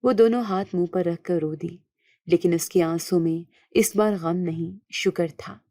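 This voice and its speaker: A woman narrates a first-person moral story in a calm, measured way. Her voice is low and warm, recorded close and dry with no room sound. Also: dry recording.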